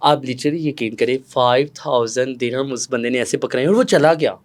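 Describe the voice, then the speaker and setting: A young man from Pakistan with a Pakistani Urdu accent, telling stories dramatically as an interview guest, jumping between loud outbursts and hushed asides. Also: medium pitch, normal speed. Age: young adult. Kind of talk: casual interview storytelling.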